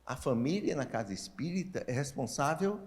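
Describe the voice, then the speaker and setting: Animated Brazilian man in his sixties, slightly slurred. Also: mid-range voice, normal speed, slight background noise. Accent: Brazilian Portuguese. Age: 60s. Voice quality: tongue-tie speech impediment, slightly slurred articulation. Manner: animated, checks in with listeners using short tag questions. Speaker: speaker leading a Spiritist family-ministry session. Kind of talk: informal lecture with rhetorical questions.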